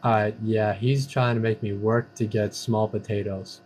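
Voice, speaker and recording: A man's voice: on the low side, flat delivery, moderate pace, a little mellow. A man giving casual, playful commentary while playing an online game, breaking into sing-song chants and silly catchphrases. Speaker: gamer streamer.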